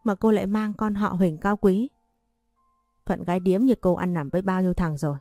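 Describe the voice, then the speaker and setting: A woman's voice: medium pitch, steady tone, a little fast, no echo, studio quality, soft background music, close to an everyday voice. A woman voicing a scornful, haughty middle-aged stepmother-in-law in a spoken story. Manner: contemptuous, shouting.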